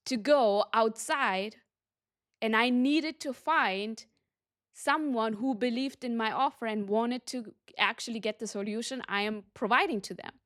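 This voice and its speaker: A business coach from Germany whose first language is Tamil gives a motivational talk to camera. She speaks slowly, earnestly and emphatically, repeating points for stress, in a fairly high-pitched, fairly bright voice.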